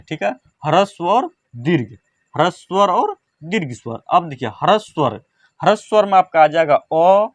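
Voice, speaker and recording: Repetitive, higher-voiced male teacher. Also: no room sound. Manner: repetitive, explains each point twice with "theek hai". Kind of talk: classroom-style grammar lesson.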